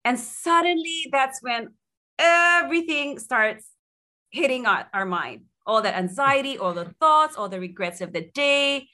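A woman's voice: high voice, lively intonation, a little slow, pushed and bright. A woman speaking as a sleep consultant in an interview, explaining conversationally and encouragingly, often repeating phrases for emphasis.

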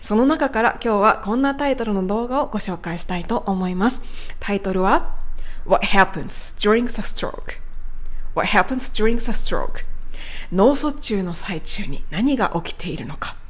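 A woman hosting a radio-style pronunciation lesson. She speaks politely and explains as she goes, often repeating a word slowly so listeners can follow. Her voice sits at an everyday pitch. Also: animated. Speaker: pronunciation coach and host.

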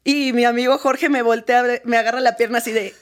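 Young woman, Mexican accent, fairly high, earnest and lively guest in casual talk. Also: a little fast. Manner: earnest, animated, often laughs. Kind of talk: casual conversational interview.

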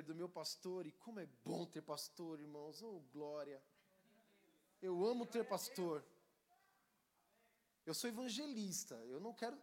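A man, an evangelist preaching a sermon to a congregation, swinging between hushed and loud emphatic delivery. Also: high-pitched. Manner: acts out quoted voices.

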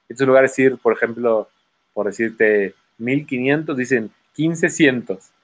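A man's voice: medium pitch, moderate pace. A man with a Mexican Spanish accent, telling stories in casual chat and acting out the voices of the people in them. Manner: animated storyteller acting out voices, laughing. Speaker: guest magician telling stories.

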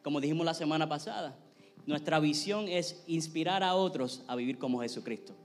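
High-voiced pastor preaching in a reverberant church. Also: male voice, a little fast. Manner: preaches with rising intensity, prays fervently. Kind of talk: sermon. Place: church sanctuary. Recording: long hall reverb, faint music.

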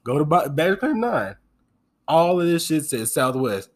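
Animated, laughing man telling stories. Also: on the high side, normal speed. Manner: animated storytelling, profane, laughs often. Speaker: podcast co-host. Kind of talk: casual chat.

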